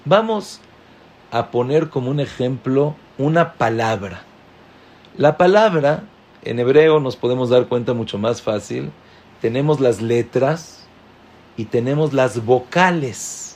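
A man gives a Torah class at an unhurried, deliberate pace. His voice sits at a middle pitch and jumps up sharply to stress key words. He addresses his listeners directly, like a rabbi teaching a lesson. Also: expressive, a little mellow. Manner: slow, emphatic teaching with sudden pitch leaps.

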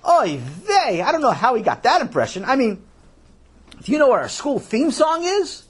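A man's voice: extremely high pitch, wildly swooping pitch, moderate pace, slightly rough, heavily acted. A man voicing an eager, chatty young boy who rambles in a sing-song way, for a children's audio story. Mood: indignant.

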